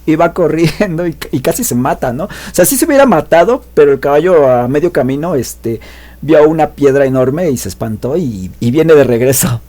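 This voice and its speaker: A man casually retelling a classic story as a literature video host, animated and chatty, tossing in tag questions. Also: on the high side, moderate pace.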